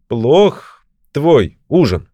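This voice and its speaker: A hapless old peasant man from a storybook, put on by a man. He exclaims slowly, drawing out each word, in a voice lifted above the reader's own. The recording is dry and close. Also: mid-range voice, big pitch swings, dark tone, dry recording, pitched above the performer's own voice, full character voice. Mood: pleading.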